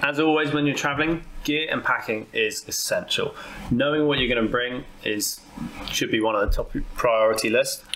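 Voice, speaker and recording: A man's voice: mid-range voice, normal speed, a bit bright. A man, co-hosting a travel podcast in casual chat, playful and self-mocking as he guesses. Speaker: podcast co-host. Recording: noisy recording.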